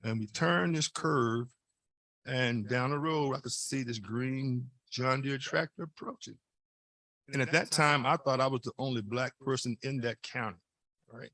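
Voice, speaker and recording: A man's voice: medium pitch, measured pace, fairly bright tone, dry recording. An older man giving a conference talk as an outreach official, telling homespun anecdotes and building to emphatic points. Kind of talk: storytelling speech.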